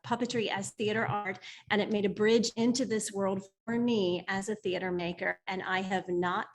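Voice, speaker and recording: A woman hosting an online membership meeting over a video call, upbeat and cheerful as she welcomes everyone. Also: mid-range voice. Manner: upbeat, cheerful emcee, counting down. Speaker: board president hosting meeting.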